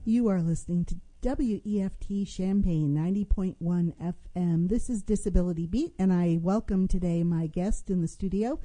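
A woman's voice: fairly low pitch, normal speed, hardly any pauses, mellow, low-quality recording. A middle-aged woman hosting a public affairs radio interview, conversational and responsive as she speaks. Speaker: radio host. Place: radio studio. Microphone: studio microphone.

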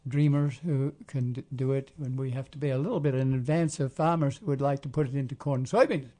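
Halting, mellow male community radio host. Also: mid-range voice, steady tone. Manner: halting, rambling, searching for words. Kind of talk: casual community radio talk.

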